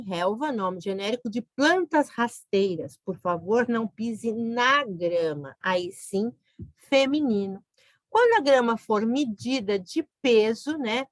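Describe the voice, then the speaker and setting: Woman, grammar teacher, patient explaining, fairly high voice, close dry sound. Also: no room sound. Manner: explains patiently, often adds "né?". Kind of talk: recorded grammar lesson.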